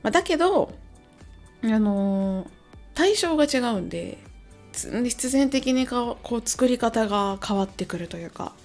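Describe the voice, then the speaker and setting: A woman's voice: fairly high pitch, animated, moderate pace, a little mellow, soft background music. A hungover woman in a casual solo chat to her listeners, talking as a host in a hesitant, rambling way as she thinks aloud. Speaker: host, amateur-facing musician and songwriter.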